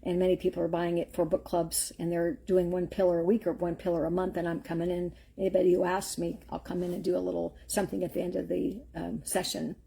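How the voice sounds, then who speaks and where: Husky, mellow-voiced woman giving faith encouragement. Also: lowish voice, level tone, fast, hardly any pauses. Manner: earnest, rambling, storytelling with filler words. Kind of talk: live-streamed faith encouragement talk.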